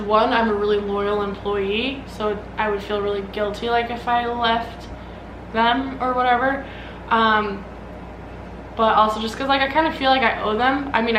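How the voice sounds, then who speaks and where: A woman in her early twenties with an American accent, chatting casually and a bit ramblingly as she answers questions about herself in a vlog. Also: a little high. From Omaha, Nebraska, United States. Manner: informal, rambling, frequent "like". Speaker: vlogger. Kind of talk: casual get-to-know-me Q&A vlog. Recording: roomy echo, clear background noise.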